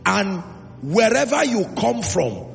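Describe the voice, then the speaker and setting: A Nigerian man preaches a sermon in a high, gravelly, sing-song voice. He is emphatic, calling out to the congregation in call-and-response and stretching out key phrases. The recording is in a reverberant hall with music.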